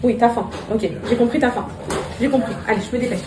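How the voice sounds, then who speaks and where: Young mom chatting to her phone in an echoey kitchen, high voice, rambly, lots of restarts. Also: quick pace. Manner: rambling, animated, with many restarts; coos affectionately to her children. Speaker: vlogger and mother. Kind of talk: casual vlog chat to viewers. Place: home with kitchen. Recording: echoey room with background noise.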